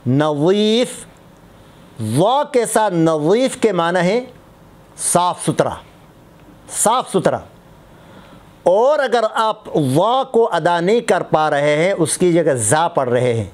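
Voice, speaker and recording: A mufti gives a religious lesson on prayer recitation, patiently explaining and repeating example words to contrast them. His voice is high and expressive.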